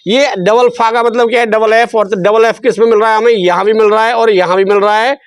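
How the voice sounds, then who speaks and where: An Indian English teacher runs a spelling lesson explained in Hindi, repeating his questions back to the students and drawing out syllables. His voice sits high and smooth, a little fast, with fairly even intonation and no echo.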